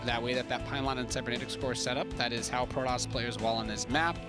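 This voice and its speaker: A man's voice: mid-range voice, fairly even intonation, quick pace, music in the background. Laid-back esports co-caster man. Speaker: esports co-commentator. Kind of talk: live esports color commentary.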